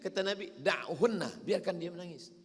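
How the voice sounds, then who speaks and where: A man's voice: high-pitched, normal speed, fairly bright tone, breathy edge. A middle-aged Indonesian man giving a sermon, telling stories with animation and voicing the people in them. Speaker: preacher. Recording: long reverb in a hall.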